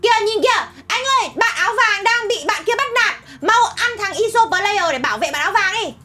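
A young woman, squealing and whining excitedly while playing a game. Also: extremely high pitch, brisk, a little hiss or hum. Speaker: co-player. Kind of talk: playful gameplay chat.

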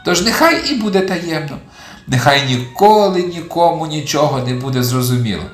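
A clever little male kitten from a children's audio tale, calm and a bit sly, as a storyteller puts him on. He speaks in a raised, measured voice with lively pitch movement. The sound is roomy, with gentle music underneath. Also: natural voice.

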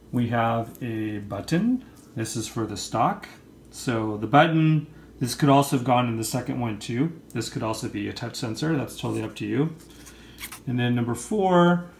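A man explains things step by step as an informal tutorial presenter. His voice has a noticeable creak at a medium pitch. The recording is roomy, with faint noise behind him. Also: a little slow, a little mellow. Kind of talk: casual hands-on product demonstration. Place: indoor room, at a table.

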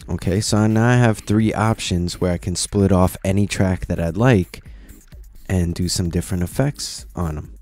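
A man casually explaining software steps one at a time in a screen-recorded tutorial, with lots of "you know"s. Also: low-pitched, moderate pace, faint music behind. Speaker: tutorial presenter.

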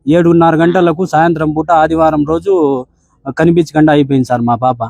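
This bereaved father talks fast on the phone in a slightly high, steady voice that's creaky and a little mellow, captured in a dry recording. With his Rayalaseema Telugu accent, he stays respectful and deferential throughout, ending sentences with "sir."

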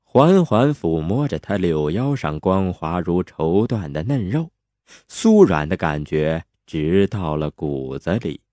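Man, narrator, deep voice, lively intonation, playful storytelling, dry close mic. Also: slow pace, dry recording. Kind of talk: scripted novel narration.

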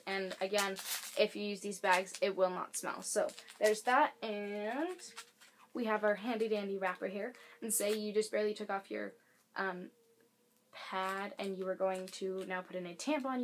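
In a mid-range voice, a young woman who vlogs about beauty and advice rambles through a casual product demonstration, heavy on fillers and self-corrections. The camera mic audio carries a faint air conditioner hiss.

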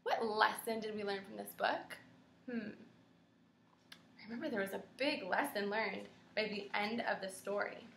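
A creaky, mid-range voice, a bit bright and at a moderate pace, with slight background noise, comes from a young kindergarten teacher. She reads aloud and asks the children questions in an encouraging, precisely articulated way, filmed in a small room at home with lots of echo.

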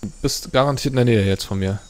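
Let's-play co-host: German man, mid-pitched, relaxed commentary, easily flustered. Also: quick pace. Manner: easygoing, commenting on graphics, flustered when chased. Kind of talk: casual gaming chat.

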